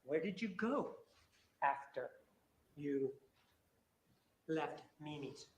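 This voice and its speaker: Combative prosecutor in an echoey courtroom. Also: male voice, on the high side, animated, extremely slow. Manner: pressing, repetitive, combative questioning. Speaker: trial prosecutor. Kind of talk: courtroom cross-examination.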